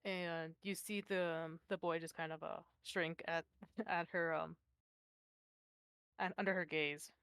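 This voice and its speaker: A woman narrating as game master, slow and halting with many fillers. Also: lowish voice, fairly even intonation, fairly bright tone, clean tone, dry recording.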